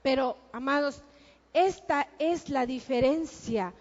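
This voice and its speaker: A woman pastor preaching a sermon in a church, with slow, emphatic repetition that rises to shouts. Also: high-pitched, long reverb tail, highs cut off. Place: church sanctuary.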